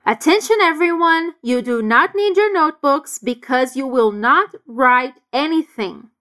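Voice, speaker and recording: A Brazilian woman with a high, light voice leads an English lesson at an unhurried pace. She carefully sounds out each English phrase for students to repeat, then explains it in Portuguese. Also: animated, sharp tone. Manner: slow, deliberate modeling of English phrases. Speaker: English teacher. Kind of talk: language lesson with repeat-after-me drills.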